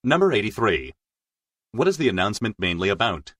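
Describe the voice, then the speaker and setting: A man reading scripted exam narration as a test narrator, in a formal, measured way. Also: on the low side, big pitch swings, fairly bright tone, no echo, studio quality.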